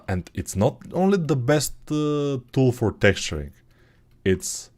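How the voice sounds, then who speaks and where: Speaking in a mid-range, slightly mellow voice, a Bulgarian-accented man runs a live stream teaching 3D modeling. The 3D art instructor keeps things casual as he fields viewer questions, often starting over and filling pauses.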